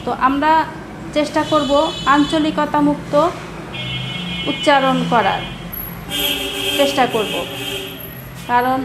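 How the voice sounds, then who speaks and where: A woman teacher giving a recorded class lecture, explaining slowly with pauses and repeating example words. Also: sits high. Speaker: Bangla teacher. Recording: echoey room with background noise.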